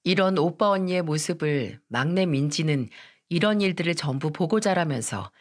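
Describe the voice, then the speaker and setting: Woman telling a family story, reflective tone, lively pitch. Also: normal speed. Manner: confiding, reflective. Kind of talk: story narration.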